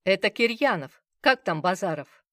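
A woman's voice: mid-range voice, lively intonation, moderate pace, fairly bright tone, dry recording, studio quality, lightly acted. A woman reading a blunt police investigator. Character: gruff middle-aged male police investigator. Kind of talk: audiobook character voice.

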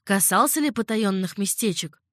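A woman reading an audiobook, voicing a worldly old female servant who speaks calmly and patiently. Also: medium pitch, normal speed, dry recording, studio quality, lightly acted. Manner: unruffled, coaxing and patient.

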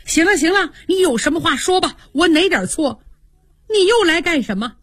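A woman voicing a quick-tempered, sulky young noblewoman who speaks in a petulant, cutting way, in a radio storytelling. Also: sits high, big pitch swings, no room sound, clean studio sound. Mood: tearful reproach.

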